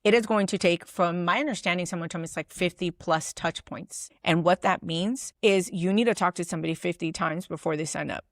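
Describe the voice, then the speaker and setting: A woman's voice: fairly low pitch, fairly quick, few pauses, no echo, clean studio sound. A woman business coach teaching to camera in a casual, chatty way, often filling her talk with "like.". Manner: chatty, loose, fills with "like"; acts out sample messages.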